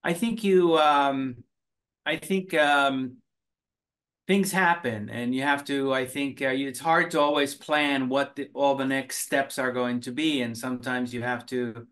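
A man's voice: medium pitch, fairly even intonation, fairly bright tone. Middle-aged Finnish-born man on a video call. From Finland. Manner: measured, many filler sounds and restarts. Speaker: cancer researcher and oncologist. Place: home office with bookshelves.

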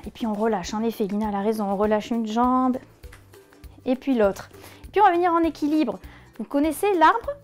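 A young yoga teacher with a high-pitched voice leads a children's class, giving gentle, encouraging, and playful instructions.

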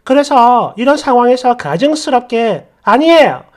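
Very high-voiced man reading a story. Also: normal speed. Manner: first-person narration, reading live while sorting the text. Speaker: story channel narrator. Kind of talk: reading a submitted story aloud.

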